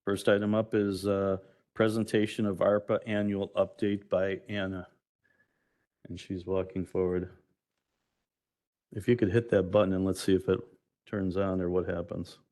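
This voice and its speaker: An American man with a fairly low voice chairs a public meeting. He moves through procedure informally, in a brusque, businesslike way. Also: level tone, normal speed, pauses often, warm tone.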